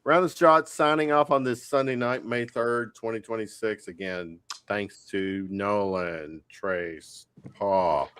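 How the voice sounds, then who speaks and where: A man's voice: fairly low pitch, steady tone, slow pace, fairly bright tone, clean tone, no echo. Teasing podcast host, dry-sounding man. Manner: teasing, wraps up the show. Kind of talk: casual podcast banter.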